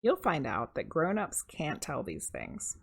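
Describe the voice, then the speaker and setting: Here a middle-aged woman reads aloud from a children's picture book in a low, slightly husky voice. She moves at a measured pace, expressive and conversational, with offhand comments to viewers.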